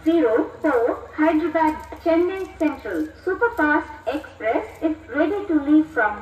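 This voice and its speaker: A woman's formal train station announcement over a loudspeaker, read in a measured announcer's delivery. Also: high voice, animated, far from the mic, slight background noise. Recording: echoey loudspeaker heard from afar, dull sound.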